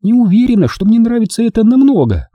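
A man voicing a playful, chatty young woman who teases her lover, raising his pitch high. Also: sing-song, fast talker, dry recording, phone-quality sound, full character voice. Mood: teasing. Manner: chatty, teasing.

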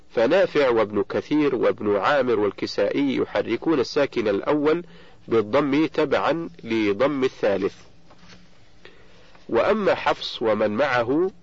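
A man's voice: medium pitch, husky, dry recording. Man reading steadily in a dull recording. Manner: steady explanatory reading, slower and fuller on quoted verses. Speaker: reader of a book on Quran recitation rules. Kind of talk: measured audiobook reading.

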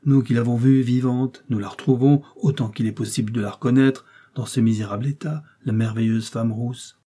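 A man's voice: mid-range voice, steady tone, normal speed, dark tone, slightly rough, lightly acted. A male audiobook reader voicing an earnest young detective lieutenant objecting to his chief.

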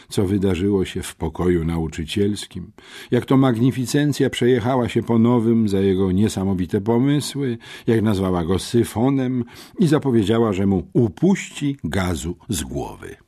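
A man reading a children's book aloud in first person, expressive and wry. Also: on the low side, moderate pace. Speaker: audiobook narrator.

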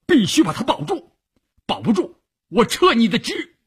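A man voicing a stubborn male army commissar who shouts orders forcefully. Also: very high-pitched, wildly swooping pitch, moderate pace, slightly rough, voice pushed up, heavily acted. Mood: commanding.

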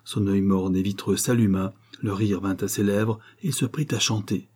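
Dark, husky male narrator. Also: lowish voice, fairly even intonation, moderate pace. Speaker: audiobook narrator. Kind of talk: scripted audiobook narration.

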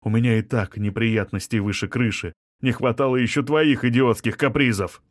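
A man's voice: mid-range voice, fairly even intonation, moderate pace, no echo, clean studio sound, lightly acted. A man narrating an audiobook, playing an irritable, portly middle-aged mayor who snaps impatiently. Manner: snappish, impatient.

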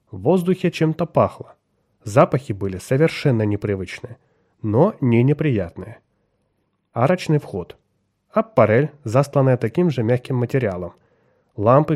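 A man narrating a science fiction audiobook in a measured, even storytelling manner. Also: medium pitch. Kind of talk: scripted narration.

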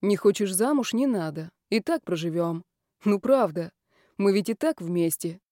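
Woman doing a soft-spoken tender young man. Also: mid-range voice, lively intonation, moderate pace, no room sound, studio quality, lightly acted. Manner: soft, gentle, reassuring. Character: calm tender young man, the heroine's fiancé.

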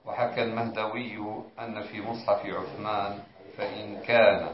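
A man reciting a classical commentary aloud in a formal, measured way during a religious lesson. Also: lowish voice, level tone, a crowd in the background. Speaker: student reading the text aloud. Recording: echoey room, dull lo-fi recording, faint noise.

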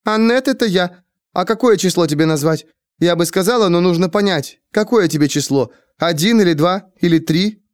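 A man doing a frantic high-voiced young woman. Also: no room sound, lightly acted. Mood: flustered. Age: 20s. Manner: frantic, fast, wailing. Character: anxious, rambling young woman patient.

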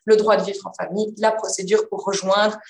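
A woman's voice: mid-range voice, little pitch movement, a little fast, vocal fry, a little mellow, roomy sound. A woman giving an explanatory conference talk, speaking emphatically.

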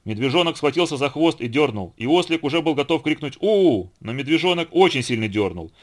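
A man narrating children's fairy tales in an expressive, melodic reading. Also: fairly high pitch, quick pace. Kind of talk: storybook reading.

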